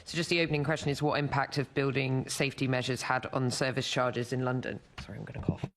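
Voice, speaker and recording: Brisk, fast-talking committee questioner. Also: male voice, medium pitch, little pitch movement, a bit bright. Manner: brisk, conversational. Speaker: committee member asking questions. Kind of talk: chairing questions at a hearing.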